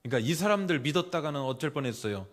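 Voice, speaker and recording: A middle-aged man preaching a sermon in a church, emphatic, putting rhetorical questions to the congregation and swinging between loud exclamations and quiet asides. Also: fairly high pitch, animated, rapid-fire. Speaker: pastor. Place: church sanctuary.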